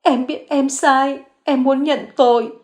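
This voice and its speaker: A woman voicing a young mother caught in a lie, crying and begging forgiveness in a high, strained voice. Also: unhurried. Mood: tearful confession. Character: young mother caught lying, tearful, groveling.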